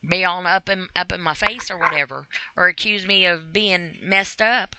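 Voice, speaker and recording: With a lowish, pushed and bright voice at normal speed, a podcast host reads from a sobriety e-book and offers informal motivational comments, earnestly talking right to the listener. The recording is rough, carrying a slight hiss or hum.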